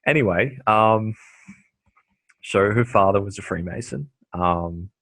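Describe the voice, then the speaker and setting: A man's voice: fairly low pitch, takes it slowly, fairly bright tone, no room sound. A man hosting a casual interview, rambling along with lots of fillers and restarts. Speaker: host.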